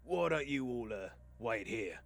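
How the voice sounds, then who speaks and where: A man's voice: medium pitch, expressive, a little slow, gravelly, a little hiss or hum. A man voicing a cautious lead guide who gives brief, offhand orders.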